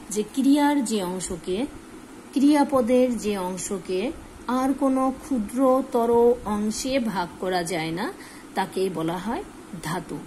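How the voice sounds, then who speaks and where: A woman's voice: medium pitch, dark tone, slight background noise, low-quality recording. A woman teacher giving a grammar lesson to students, patiently asking questions and then answering them herself. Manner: patient, asks and answers her own questions.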